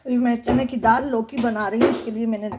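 A woman's voice: fairly high pitch, fairly even intonation, fast talker, heavy background noise. Chatty older woman in a clattering kitchen. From Pakistan. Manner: chatty, calls to the children while doing housework. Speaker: home cooking vlogger, grandmother. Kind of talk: casual narration while cooking. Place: home kitchen. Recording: kitchen clatter of dishes and cutlery.

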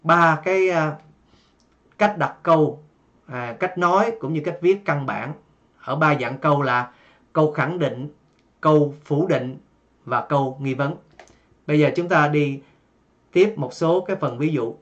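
A man teaching an English lesson, explaining slowly with many fillers and repeating example questions with a rising tone. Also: a little high, a bit bright. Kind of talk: recorded online lesson. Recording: dull lo-fi recording.

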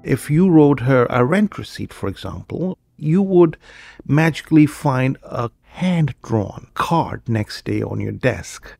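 A man's voice: medium pitch, animated, slow pace, gravelly, a little mellow. A man who works at a hotel, talking thoughtfully in an interview. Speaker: hotel employee. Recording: music bed under the voice.

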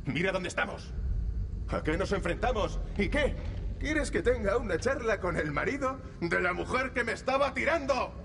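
A man's voice: high-pitched, animated, normal speed, creaky, noisy background. A man playing a troubled young soldier in a video game, speaking earnest, defensive Castilian Spanish in a dramatic style. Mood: indignant. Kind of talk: dramatic game dub acting.

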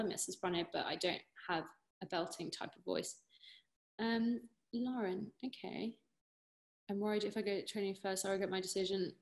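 This opera singer, a British woman in her 20s, fields questions in a warm, casual online Q&A from home, chatty and encouraging with frequent fillers and restarts. Her voice sits in the mid range, and the sound comes from a laptop webcam on a video call in her living room.

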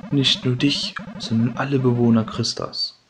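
A man reading game dialogue aloud for a mysterious male voice, the hero's counterpart, slowly and evenly. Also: medium pitch, steady tone, natural voice. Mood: solemn. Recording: game music behind.

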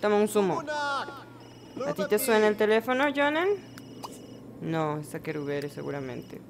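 A woman's voice: medium pitch, normal speed, noisy background. Chatty woman narrating gameplay. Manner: chatty, talks to her game characters, bursts of excited exclamations. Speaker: gaming channel host. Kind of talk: casual let's-play commentary.

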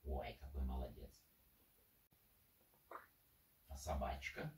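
Low-voiced man in an echoey room. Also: steady tone, takes it slowly, creaky, a little mellow, slight background noise. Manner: teasing, coaxing. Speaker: parrot owner. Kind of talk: casual chat with a pet. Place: indoor room, off camera. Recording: echoey room, distant microphone.

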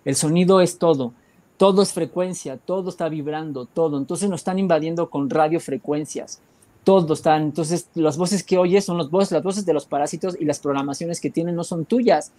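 A man with a Mexican accent giving a rambling spiritual talk, often searching for words and filling pauses. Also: on the high side, dark tone. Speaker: guest speaker.

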